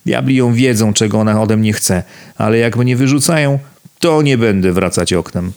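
A man's voice: lowish voice, normal speed, darkish tone, lightly acted. A man reading the part of a coarse, self-important upstart in an audiobook, blustering in a raised voice. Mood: indignant.

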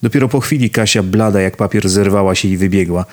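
A man narrating a novel as an audiobook in a measured, even delivery. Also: sits low. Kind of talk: scripted narration.

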